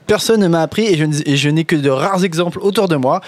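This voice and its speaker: A man's voice: on the high side, fast talker, no echo. A man hosting a casual radio round-table, asking teasing, playful questions. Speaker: radio host.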